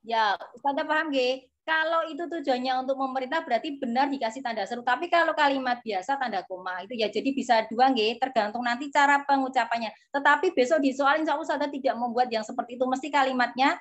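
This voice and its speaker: A woman teacher with a Javanese accent, patiently coaxing students through an exam-prep class and tagging her sentences with a soft "nggih". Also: sits high, fast talker.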